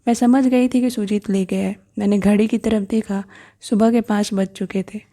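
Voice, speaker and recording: A woman narrating a first-person family story in a steady, plain storytelling delivery. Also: medium pitch, moderate pace.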